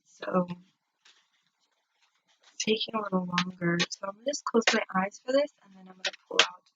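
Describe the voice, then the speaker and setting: A soft-spoken woman with a husky voice gives a casual, unhurried spiritual tarot reading in an echoing bathroom. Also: mid-range voice, background noise. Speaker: tarot card reader. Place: indoors, in an echoing home bathroom. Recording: dull, echoing bathroom sound.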